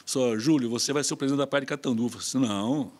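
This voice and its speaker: Halting older man in conversation. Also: medium pitch, darkish tone. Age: 60s. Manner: halting, repetitive, anecdotal phrasing. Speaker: guest, president of a charity association. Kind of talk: casual interview conversation. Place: small podcast studio, indoors. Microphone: tabletop microphone on stand.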